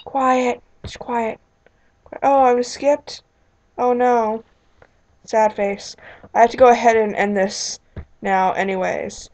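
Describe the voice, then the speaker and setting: Slow-talking young woman gamer. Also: fairly high pitch, steady tone, darkish tone, slight background noise, rough recording. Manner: rambling, exclaiming, muttered asides. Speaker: let's play host. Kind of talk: casual gameplay commentary.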